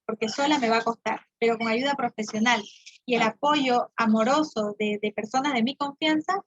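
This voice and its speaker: Husky-voiced woman psychologist giving a talk. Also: a little high, no room sound, highs cut off. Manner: checks in often with "¿no es cierto?" and "¿bien?"; earnest, explains step by step with examples. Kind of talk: prevention talk to an audience of women.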